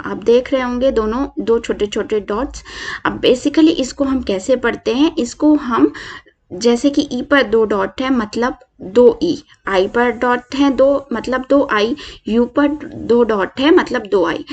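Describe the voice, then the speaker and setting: A woman teaching a language lesson, explaining slowly with many fillers and repeating example words. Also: on the high side.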